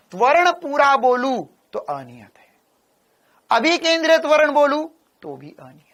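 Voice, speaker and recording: A male physics teacher with a Hindi accent leads an online exam-prep lecture in a high-pitched voice gone hoarse and worn from shouting. He stays animated and teasing, scolding his students playfully.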